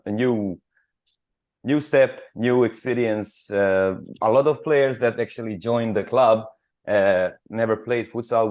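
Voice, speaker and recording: Man, Croatian accent, non-native English, low-pitched, earnest, hesitant. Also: darkish tone. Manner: halting, many fillers and restarts, earnest. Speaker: futsal club captain. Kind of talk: radio interview.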